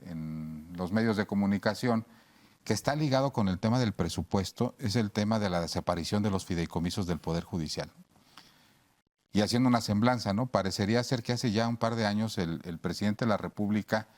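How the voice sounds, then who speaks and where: A Mexican man with a low voice hosts a radio talk program. He explains slowly and patiently, stopping to restart his sentences and reaching for everyday comparisons. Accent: Mexican Spanish. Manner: hesitant, many restarts and fillers, explains with homely examples. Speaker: radio show host. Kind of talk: explanatory talk show conversation.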